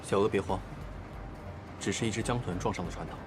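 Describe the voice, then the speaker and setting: An actor voicing a calm, composed male investigator who speaks in a steady, reassuring way in a story game. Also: on the low side, quick pace, background noise, natural voice. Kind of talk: game voice acting. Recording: game audio with music behind.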